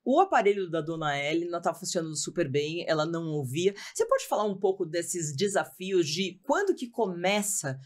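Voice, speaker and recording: A woman's voice: on the low side, sing-song, moderate pace, hardly any pauses. A woman in her fifties hosting a podcast, chatty and asking leading questions of her guest. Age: 50s. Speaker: host.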